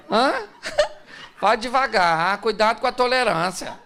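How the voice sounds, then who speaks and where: A man's voice: extremely high pitch, huge pitch swings, slow, sharp tone. A man preaching a humorous sermon as a pastor, asking the congregation questions and acting out quarrelling couples in put-on voices. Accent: Brazilian Portuguese. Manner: asks the crowd questions and draws laughs.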